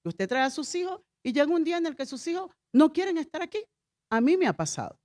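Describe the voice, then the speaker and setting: A woman's voice: high-pitched, big pitch swings, quick pace, a little mellow. A middle-aged woman pastor preaching a sermon with emphatic repeated refrains and call-and-response to the congregation.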